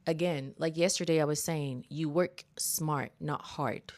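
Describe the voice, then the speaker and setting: Woman, low voice, livestream host; earnest, motivational, casual with fillers and swearing. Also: steady tone, a little slow. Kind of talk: casual self-help commentary.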